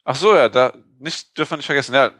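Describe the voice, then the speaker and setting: A man's voice: mid-range voice, fast, a bit bright, breathy edge, no room sound, studio quality. A man co-hosting a podcast in casual chat, speaking, joking and full of fillers. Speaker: podcast co-host.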